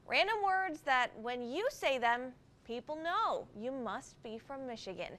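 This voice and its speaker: A woman news anchor reading scripted news in a crisp, measured way. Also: high voice, lively intonation, a bit bright.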